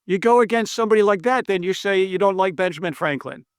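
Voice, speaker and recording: Fast and smooth, an American monetary economist's kinda high voice drives home the same point in a video lesson, recorded dry and close with no room sound. He makes an earnest, persuasive talk to camera in an indoor room of brick and stone walls, emphatically repeating key claims and stumbling over foreign names.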